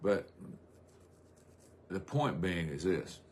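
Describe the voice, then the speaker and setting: A middle-aged man, preaching a folksy, rambling sermon on a live stream with drawn-out emphasis. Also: deep voice, very animated, slight background noise.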